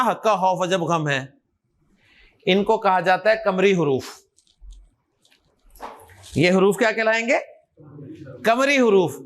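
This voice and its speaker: A man's voice: sits high, a bit bright. A male Quran grammar teacher with an Urdu accent, giving a classroom lecture and quizzing his students back and forth. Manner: quizzing, call-and-response, coaxing students.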